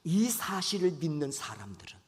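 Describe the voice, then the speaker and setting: A male pastor with a fairly high, very lively voice preaches in a church. His voice rings through a long hall reverb. He keeps turning questions to the congregation and acts out the lines he quotes. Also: normal speed. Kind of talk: sermon. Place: church sanctuary.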